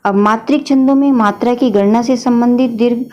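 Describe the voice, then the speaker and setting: A woman's voice: on the high side, fairly even intonation, brisk, lo-fi sound. Patient woman teaching a grammar lesson. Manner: patient, explanatory, addresses students as children. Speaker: Hindi teacher.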